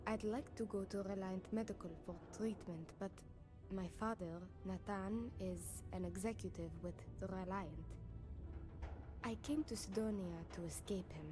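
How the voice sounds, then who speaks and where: A woman's voice: medium pitch, unhurried, lightly acted, low-quality recording. An actress playing a sickly, guarded young runaway woman from a space colony in video game dialogue. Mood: bitter, anxious. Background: loud background music.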